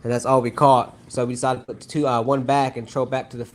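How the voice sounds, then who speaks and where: A man, a guest angler, excitedly telling a fishing story in casual chat. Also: mid-range voice, fast, a little hiss or hum.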